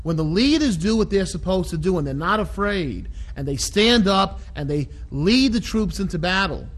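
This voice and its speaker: A man preaching a sermon as a pastor, deliberate and repeating phrases for emphasis. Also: high-pitched, animated. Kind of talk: sermon, expounding scripture.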